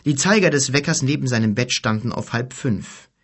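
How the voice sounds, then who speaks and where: A man narrating a storybook with even, expressive reading. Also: medium pitch, normal speed, slightly rough. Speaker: audiobook narrator.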